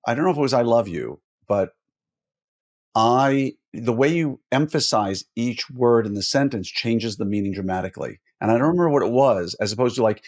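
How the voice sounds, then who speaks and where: A brisk man with a mid-range voice hosts a conversational podcast interview. He rambles while setting up his questions, corrects himself, and cracks jokes.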